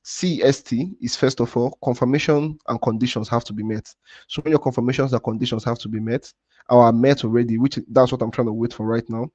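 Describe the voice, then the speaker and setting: Brief: male trading streamer, mellow dark tone, dry dull lo-fi sound, rambling and heated. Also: mid-range voice, fairly even intonation, a little fast, no room sound. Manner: heated, swearing rant at a viewer; repetitive, restarts often. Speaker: crypto trading livestream host. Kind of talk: live stream talk to chat.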